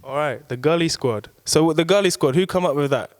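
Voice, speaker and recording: Man, hyped joking host, slangy, slightly high voice, small studio. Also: brisk. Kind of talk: casual hip-hop interview chat.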